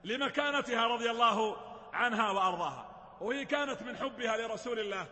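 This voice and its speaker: High, bright-voiced male lecturer in a hall. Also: animated, fast. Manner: retells sacred history with colloquial explanations and humorous asides. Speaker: religious lecturer. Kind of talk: storytelling religious lecture.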